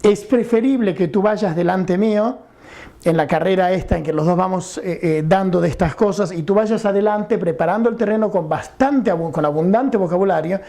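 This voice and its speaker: A man's voice: high voice, moderate pace, warm tone. A middle-aged man teaching an English grammar lesson, explaining patiently and often checking understanding.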